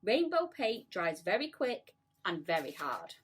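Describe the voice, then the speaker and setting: A woman voicing an earnest, thoughtful young boy in a storybook, speaking in a deliberate, emphatic way. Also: medium pitch, very animated, breathy edge. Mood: explaining.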